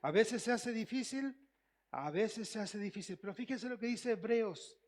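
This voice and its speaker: Un pastor con acento chileno que predica con énfasis, repitiendo frases y haciendo preguntas a la congregación. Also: male voice, high voice, animated, moderate pace, darkish tone. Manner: emphatic, repeats phrases, asks the congregation questions. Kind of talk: sermon.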